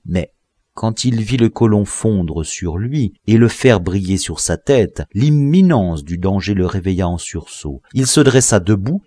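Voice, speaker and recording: A low-voiced man narrating a classic novel, his delivery lively and full of rise and fall. The sound is close and dry, with no room around it. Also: dry recording. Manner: expressive storytelling. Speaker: audiobook narrator. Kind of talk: scripted narration.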